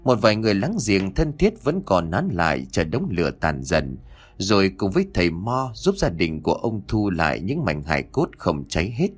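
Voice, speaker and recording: Low-voiced man narrating a horror story. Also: moderate pace, soft background music. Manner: dramatic, expressive reading.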